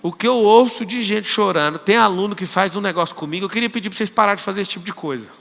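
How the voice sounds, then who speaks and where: High-pitched, gravelly Brazilian man on stage. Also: very fast, long reverb tail. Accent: Brazilian Portuguese. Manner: energetic, commanding, acts out dialogues with students. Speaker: motivational speaker. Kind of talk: live motivational talk. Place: large hall with audience.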